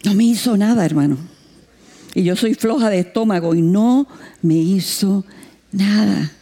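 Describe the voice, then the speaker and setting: A woman preaching a sermon, telling a missionary story and acting out the voices in it. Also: unhurried. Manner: lively, acts out quoted voices with big pitch jumps.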